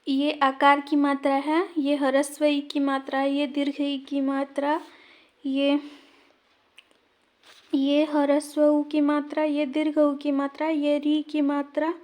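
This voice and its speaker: Woman teacher, exam-prep grammar lesson; slow, deliberate, points at examples as she goes. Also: sits high, monotone, a little mellow.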